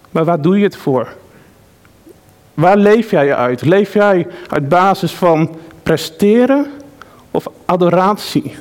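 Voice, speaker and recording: A man delivers a sermon at an unhurried pace, letting his words land. His voice sits high for a man. He speaks earnestly and keeps turning to the congregation with questions. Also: darkish tone. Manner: slow, earnest preaching with rhetorical questions. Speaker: preacher.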